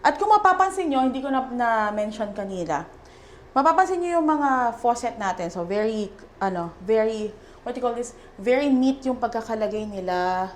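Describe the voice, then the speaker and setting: A woman's voice: a little high, lively intonation, normal speed, slight background noise. A young Filipino woman leading a chatty, enthusiastic house tour, mixing English and Tagalog. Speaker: real estate agent giving a house tour. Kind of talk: casual walkthrough tour.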